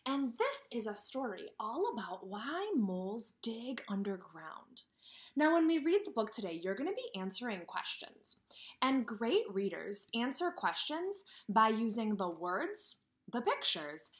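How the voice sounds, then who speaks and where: Running a read-aloud lesson for kindergartners, this woman addresses the little ones directly and quizzes them with animated energy. Her voice sits slightly high, and her pace is measured.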